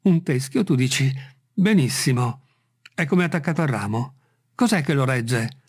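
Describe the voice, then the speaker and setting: A man doing an agitated, feverish gentleman. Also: medium pitch, animated, normal speed, slightly rough. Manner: agitated, urgent. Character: excitable gentleman, feverish and commanding. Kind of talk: audiobook reading.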